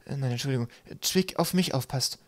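A man's voice: medium pitch, a little fast, no echo, lightly acted. A man voicing a timid young male apprentice in a raised, boyish voice. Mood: flustered.

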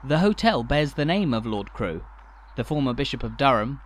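A man giving scripted, measured narration for a walking tour, informative with a light dry humour. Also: medium pitch, sing-song.

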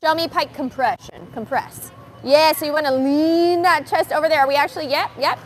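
High-voiced upbeat woman gymnastics coach. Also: brisk, a little hiss or hum. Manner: upbeat, switches between calm explaining and loud calls to the kids. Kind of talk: live coaching demo addressing kids and viewers. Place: indoor gymnastics gym. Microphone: wearing the microphone.

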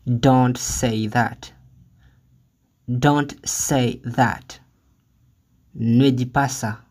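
A language teacher reading short phrases one at a time, saying each twice with careful, deliberate delivery, then giving the translation. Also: medium pitch, steady tone, a little mellow. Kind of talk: slow phrase-by-phrase lesson reading.

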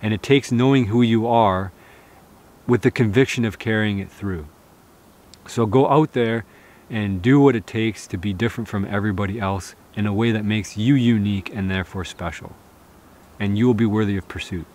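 Earnest thirties man, slightly low voice, casual to-camera advice outdoors, lots of fillers. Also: normal speed, a little mellow, slight background noise. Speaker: outdoor vlogger. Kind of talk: casual talk to camera, reading viewer comments. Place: outdoors in a snowy forest. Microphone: camera close in front, seated.

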